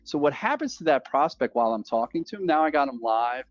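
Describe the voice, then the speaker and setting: A man's voice: medium pitch, fast talker, dry recording. Guy riffing about cold calls, keeps repeating himself, kinda dull lo-fi audio. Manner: energetic, repeats himself, acts out sales calls. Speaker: guest. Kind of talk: casual podcast conversation.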